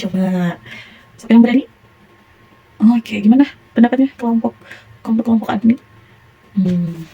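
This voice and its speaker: A woman's voice: medium pitch, mellow, slightly rough, low-quality recording. A young woman with a Sundanese accent teaching a primary school class, encouraging and praising pupils often. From Indonesia. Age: young adult.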